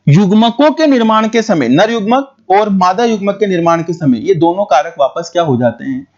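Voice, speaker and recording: A man teaching a school biology lesson, talking quickly, repeating points and checking whether his students follow. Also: high voice, expressive, darkish tone. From India. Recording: dull lo-fi recording.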